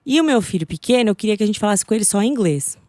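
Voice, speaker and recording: Fast-talking woman telling lively stories. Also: medium pitch, dry recording, clean studio sound. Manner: lively storytelling, acting out quoted voices. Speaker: English teacher guest. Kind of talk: casual podcast chat.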